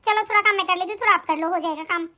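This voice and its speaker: A woman voices a spoiled young sister-in-law in an animated family drama. She talks in a demanding, whiny way, and her voice is pitched very high, close to a child's. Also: rapid-fire. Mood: complaining. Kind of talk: animated story voice acting.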